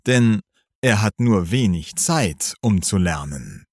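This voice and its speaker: A man narrating a graded story for language learners, reading slowly, clearly and deliberately. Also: fairly low pitch, expressive, no echo, clean studio sound.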